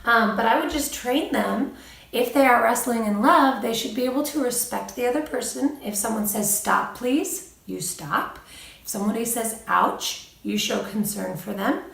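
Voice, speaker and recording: A woman's voice: on the high side, moderate pace, creaky, a bit bright, recorded from a distance. A young woman and mom, giving parenting advice in a casual vlog, chatty, laughing often and livening up when she quotes her kids. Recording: echoey room, voice off-mic.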